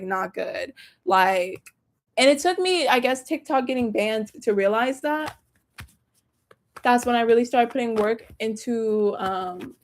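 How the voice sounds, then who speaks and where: Casual young woman with a hint of Southern accent, chatting to viewers through a phone or laptop mic. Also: a little high. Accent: slight Southern. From Texas. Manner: chatty, slangy, addresses viewers directly. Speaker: tarot reader livestreaming. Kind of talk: casual livestream chat.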